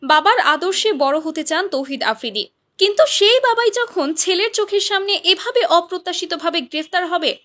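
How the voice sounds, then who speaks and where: A woman's voice: high voice, bright, forceful tone. A woman with a Bangladeshi accent reading a scripted celebrity news report to viewers. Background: music.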